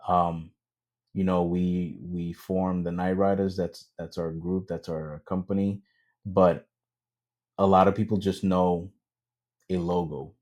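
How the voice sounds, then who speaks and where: Deep-voiced and a little mellow, this podcast co-host speaks in a level tone and takes his time. In the casual chat he hesitates often, fills gaps with ums, and occasionally drifts into Spanish.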